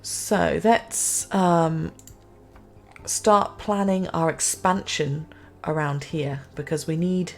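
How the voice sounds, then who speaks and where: A woman with a fairly low voice talks her way through a city-building game. She chats to herself and the game in a self-mocking way, with faint music underneath. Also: steady tone, slow. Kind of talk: casual gameplay commentary.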